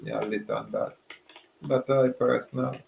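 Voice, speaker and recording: A man giving a slow, emphatic preaching monologue. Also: medium pitch, steady tone, creaky, darkish tone, slight background noise. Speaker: spiritual speaker. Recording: roomy echoey recording.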